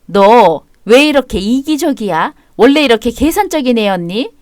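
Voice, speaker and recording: A woman voicing a pushy middle-aged mother-in-law who speaks in a shrill, indignant and rude manner. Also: very animated, normal speed, darkish tone, dry recording, clean studio sound. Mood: scolding.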